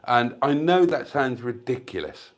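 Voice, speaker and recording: Medium in pitch, animated and unhurried, an older man with a British accent chats through a casual home livestream as a YouTube host. Recorded on a desk microphone near the fridge, he's coughing with a congested cold, calls viewers darlings and rambles while poking fun at himself.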